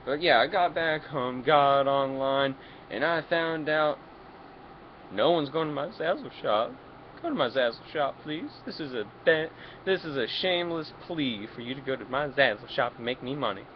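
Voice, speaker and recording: Male vlogger, mid-pitched, riffing absurd bragging bits with swings in volume; muffled low-fi recording. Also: expressive, normal speed. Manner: absurd boastful jokes, shifting loudness. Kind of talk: rambling comic monologue. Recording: dull lo-fi audio, faint vehicle noise.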